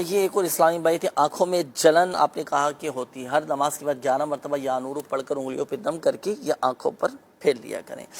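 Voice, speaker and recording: A man hosting a religious show, calmly explaining spiritual remedies to viewers with frequent pious phrases. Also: a little high.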